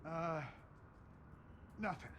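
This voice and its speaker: A man's voice: a little high, very slow, fairly bright tone, slight background noise. A man playing a misguided, stubborn but unsure police officer in a video game, defensively justifying himself. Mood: wavering. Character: misguided corrupt cop escorting a prisoner, stubborn but wavering.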